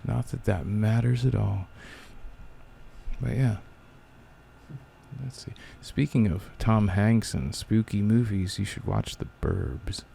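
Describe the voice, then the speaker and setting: Man, podcast host, very low, slow, mellow tone, rambling casual chat. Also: creaky, slight background noise. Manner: rambling, laid-back, trailing off. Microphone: close mic, breathing audible.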